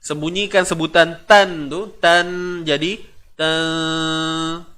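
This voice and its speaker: A man's voice: a little high, animated, a little slow, pushed and bright. Malaysian man teaching Quran recitation. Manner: patient, repeats syllables, asks the class questions. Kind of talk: tajwid lesson with chanted recitation.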